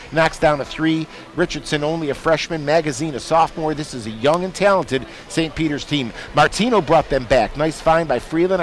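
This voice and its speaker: Man breaking down a basketball game. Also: a little high. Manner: folksy, animated analysis. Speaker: color commentator. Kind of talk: postgame sports analysis. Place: basketball arena broadcast booth.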